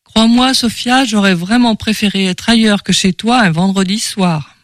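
A man voicing a weary, blunt middle-aged ex-husband in an audiobook, hesitant and gruff. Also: high-pitched, normal speed, a bit bright, dry recording, studio quality.

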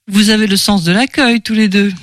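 A man voicing a weary, blunt middle-aged ex-husband in an audiobook, hesitant and gruff. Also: high-pitched, steady tone, brisk, a bit bright, no room sound, clean studio sound.

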